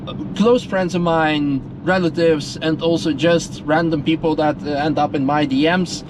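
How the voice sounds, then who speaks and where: A man's voice: a little high, fairly even intonation, moderate pace, noisy background. A man from Russia speaking earnestly in a casual, rambling monologue full of fillers and restarts. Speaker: vlogger.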